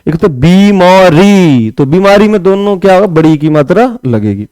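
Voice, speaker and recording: A man with a high-pitched, animated, slightly mellow voice teaches a Hindi spelling lesson for exam preparation at normal speed, explaining step by step and often asking "है ना" as he questions his students. He writes on a board while talking, and the sound is clean with no room noise.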